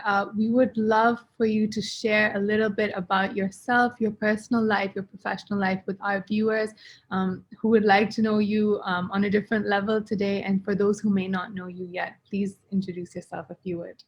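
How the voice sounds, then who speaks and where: A woman's voice: medium pitch, little pitch movement, normal speed, muffled recording. A woman hosting a webinar over a video call, reading a polite introduction and asking questions with a few fillers. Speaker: webinar host. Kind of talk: scripted introduction and interview questions.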